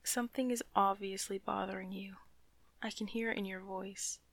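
A woman in an ASMR comfort roleplay, speaking softly and soothingly to a loving partner, often slipping into whispers close to the mic. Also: mid-range voice, steady tone, normal speed, creaky.

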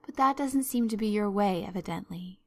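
A woman voicing a stern, sensible older woman in a storybook, brisk, sarcastic and scolding. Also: medium pitch, darkish tone, lightly acted. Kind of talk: storybook narration.

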